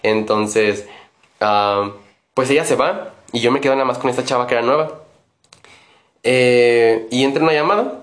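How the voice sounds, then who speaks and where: A man's voice: medium pitch, moderate pace, long pauses, echoey room. Rambling Mexican man telling a story. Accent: Mexican Spanish. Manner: rambling, with many fillers and self-corrections. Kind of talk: casual storytelling.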